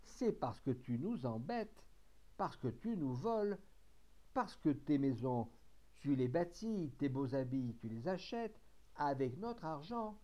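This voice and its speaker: A man voicing a brutal, sly sailor who threatens his captain with slow, drawling menace. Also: medium pitch, warm tone. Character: brutal mutinous male sailor, sly and vengeful.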